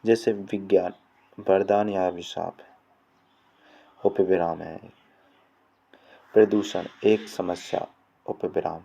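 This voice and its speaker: A man reading a grammar lesson aloud in a measured way, going through definitions and examples one at a time. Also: sits low, fairly even intonation, gravelly, warm tone, slightly rough. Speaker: teacher. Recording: muffled lo-fi with faint hiss.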